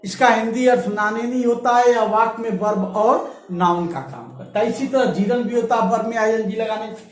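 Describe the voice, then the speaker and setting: A man's voice: sits high, moderate pace. A male teacher giving a grammar lesson, asking questions and answering them himself, and dictating example sentences word by word. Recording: echoey room, voice from far off.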